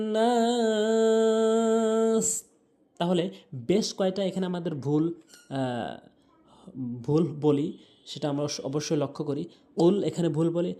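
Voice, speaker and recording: A man teaching Quran recitation, who patiently explains each sound and repeats syllables slowly. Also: fairly high pitch, dark tone. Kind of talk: instructional talk on pronunciation.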